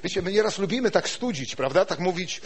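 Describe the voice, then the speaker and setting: A male preacher delivering an animated sermon with a high-pitched voice. He keeps turning to his listeners with rhetorical questions. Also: fast talker, breathy edge.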